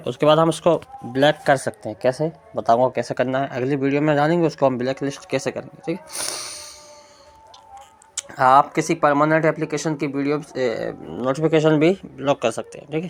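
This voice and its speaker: A man's voice: on the high side, steady tone, fairly quick, a little hiss or hum. A man giving an informal spoken tech tutorial, explaining step by step and often checking in with the listener. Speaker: tutorial presenter.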